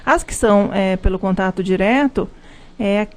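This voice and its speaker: A faint hiss or hum underlies this recording of a medium-pitched woman talking at normal speed. She's a pharmacist from Brazil, a guest on a live radio interview, explaining health issues in a Brazilian Portuguese accent with many fillers and restarts.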